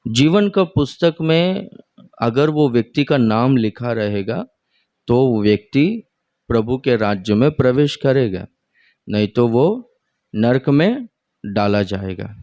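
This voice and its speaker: A man preaching a sermon as pastor, speaking in an unhurried, conversational way and putting questions to his congregation. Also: medium pitch, animated, mellow, dry recording, studio quality. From India.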